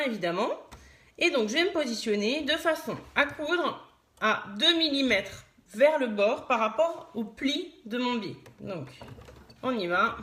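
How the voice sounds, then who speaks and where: A woman from France leads a casual live sewing lesson at her machine. Her voice sits a little high. She talks in a loose, chatty way, full of fillers, and greets the viewers as she works. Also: a bit bright. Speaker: sewing teacher.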